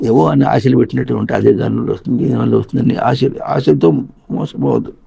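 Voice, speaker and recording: A man giving a spiritual discourse, slowly chanting song lines and asking his listeners rhetorical questions. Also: mid-range voice, creaky, mellow, husky. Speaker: spiritual teacher.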